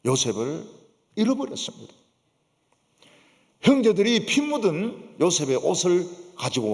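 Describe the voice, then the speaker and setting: A male pastor with a Gyeongsang accent preaching in a church, emphatic and full of rhetorical questions and affirming asides. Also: a little high. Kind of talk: sermon. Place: church sanctuary. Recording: long church reverb.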